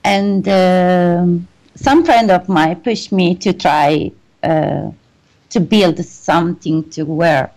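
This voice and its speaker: A woman from Italy speaking English with an Italian accent in an interview, halting and hesitant with many fillers and frequent small laughs. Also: fairly low pitch, a little mellow, low-quality recording. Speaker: guest fashion designer. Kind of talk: interview conversation.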